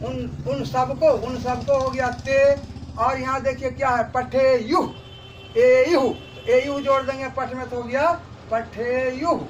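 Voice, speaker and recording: A male teacher giving a Sanskrit grammar lesson, slowly repeating each form for students to copy. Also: extremely high pitch, little pitch movement, a little hiss or hum. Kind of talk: classroom lesson.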